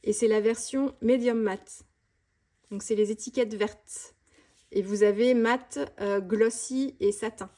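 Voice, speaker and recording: Woman vlogger, fast casual chat, lots of fillers, slightly high pitch. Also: steady tone, mellow. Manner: fast talk with many fillers and restarts. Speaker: mixed-media art vlogger. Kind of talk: casual tutorial chat showing art supplies.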